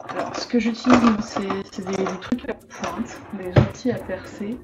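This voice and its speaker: A woman thinking aloud as she makes a card, with frequent hesitations and the odd hushed aside. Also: mid-range voice, normal speed. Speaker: crafting vlogger. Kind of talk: casual crafting tutorial. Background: background music.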